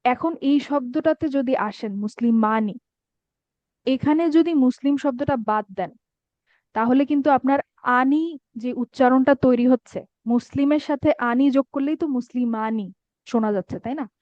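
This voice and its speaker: A woman's voice: high-pitched, moderate pace, no echo. Patient woman teaching Arabic grammar. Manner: patient, checks understanding often. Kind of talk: online class lesson. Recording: dull dry lo-fi sound.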